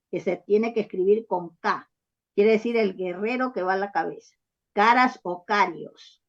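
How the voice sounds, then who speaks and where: A woman author giving long, rambling interview answers, full of false starts and check-ins with the listener. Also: mid-range voice. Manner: rambling, often checks in with "¿sabes?" and "¿ah?"; frequent false starts and hesitations. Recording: dull lo-fi recording.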